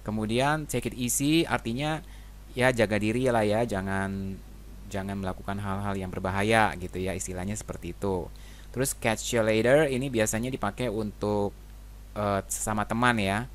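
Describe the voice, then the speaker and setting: A man teaching English phrases in a relaxed, conversational way, often ending sentences with a tag question. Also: lowish voice, normal speed. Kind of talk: casual explanatory lesson.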